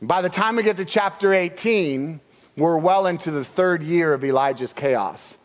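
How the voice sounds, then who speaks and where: A man preaching a sermon as a pastor, telling the story in an animated way and acting out the people in it. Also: on the high side, moderate pace. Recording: long hall reverb.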